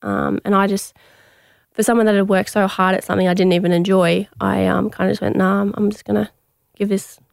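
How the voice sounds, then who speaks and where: A young woman from Australia, a guest athlete, telling stories in a relaxed interview with many fillers and restarts. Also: mid-range voice, a little fast, gravelly, dry recording, clean studio sound. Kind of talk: casual interview chat.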